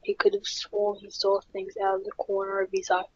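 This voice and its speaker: A woman narrating a horror story in a plain, steady reading voice. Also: medium pitch, moderate pace, slight background noise. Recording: dull lo-fi.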